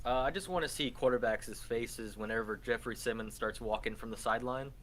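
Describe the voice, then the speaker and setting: Bright-voiced man tossing in quick jokes. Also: mid-range voice, a little hiss or hum. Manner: short joking interjections. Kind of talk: casual sports chat.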